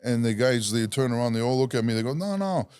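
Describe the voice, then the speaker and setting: A man from Rhode Island, a podcast guest, casually telling a long personal story in an animated, self-deprecating way and acting out the voices of the people in it. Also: mid-range voice, fast talker, clear, resonant tone, no echo. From Rhode Island, USA.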